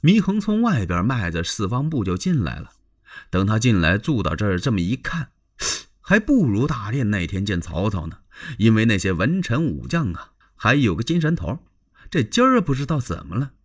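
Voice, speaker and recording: A man's voice: fairly low pitch, sing-song, normal speed. A man performing a traditional spoken story in a dramatic, conversational way with asides to the listener.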